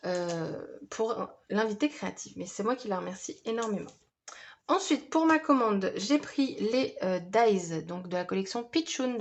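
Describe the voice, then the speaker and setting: A woman's voice: mid-range voice, a little hiss or hum. A woman chatting casually through a scrapbooking haul, hesitant and full of fillers. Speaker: scrapbooking vlogger.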